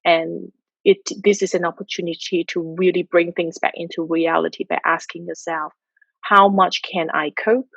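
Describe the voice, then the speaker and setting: A woman's voice: fairly low pitch, flat delivery, normal speed, vocal fry, a bit bright, husky, no room sound, highs cut off. A woman from Malaysia speaking as a guest on a video call, giving earnest, motivational answers about mindset and habits. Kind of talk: online talk answering questions. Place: home in Tokyo.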